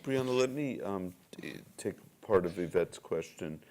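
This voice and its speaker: A man's voice: low voice, expressive, measured pace, darkish tone. A man moderating a panel, asking probing questions in a conversational way. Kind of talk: panel discussion.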